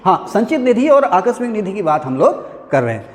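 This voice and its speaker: A chatty male teacher lecturing a class, his voice pitched high and swinging widely up and down. He keeps checking in with his students through little asides, and a long reverb trails off his words. He sounds like he is in a lecture room. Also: sing-song, fairly quick. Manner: chatty, addresses students as beta, frequent "hai na" asides. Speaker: civil services teacher.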